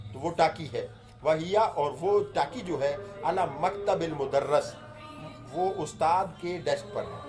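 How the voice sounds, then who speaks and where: A man teaching an Arabic grammar lesson, reading each phrase aloud and then explaining and repeating it. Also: fairly high pitch. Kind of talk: lesson explaining a text line by line.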